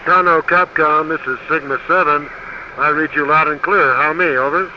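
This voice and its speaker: A man's voice: fairly high pitch, normal speed. A male astronaut talking over a helmet radio link in clipped radio procedure. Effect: helmet radio transmission. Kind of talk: radio communication. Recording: muffled, noisy archival radio.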